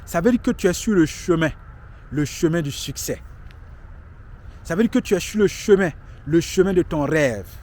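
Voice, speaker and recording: Speaking to camera on an outdoor city street, this late-thirties man delivers emphatic, preachy motivational advice, repeating points for stress. His voice is a little high and darkish in tone, animated, at a moderate pace broken by long pauses.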